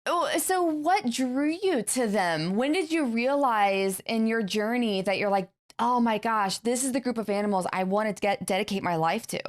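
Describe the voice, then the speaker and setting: A woman with a fairly high voice hosts an interview podcast. She reads her introduction from a script and then chats with her guest in an upbeat, enthusiastic way. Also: moderate pace, hardly any pauses. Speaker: podcast host.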